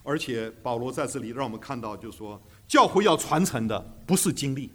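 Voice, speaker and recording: A man's voice: mid-range voice, lively intonation, fairly quick, a little hiss or hum. A man teaching a Bible class, emphatic, asking rhetorical questions and hesitating often with fillers, dropping English terms into his talk. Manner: drops English terms into speech.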